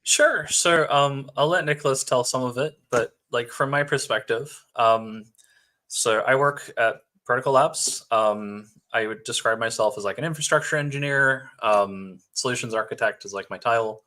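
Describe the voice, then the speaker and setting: An Australian man with a faintly American tinge to his accent speaks as a guest. His voice is bright, and his easy manner is sprinkled with fillers. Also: medium pitch, moderate pace. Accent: Australian, sounding partly American. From Western Australia. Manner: relaxed, uses many fillers. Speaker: infrastructure engineer guest. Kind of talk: casual conversation.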